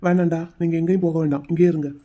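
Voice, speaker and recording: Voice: medium pitch, fairly even intonation, rapid-fire, dark tone, close to an everyday voice. A voice actor playing a curt, protective young husband in a cartoon story, speaking firmly. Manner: firm, curt.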